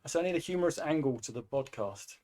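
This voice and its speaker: A man's voice: fairly high pitch, expressive, fast talker, darkish tone. A man co-hosting a casual podcast, teasing his co-host with mock-dramatic build-ups and free swearing. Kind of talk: casual banter.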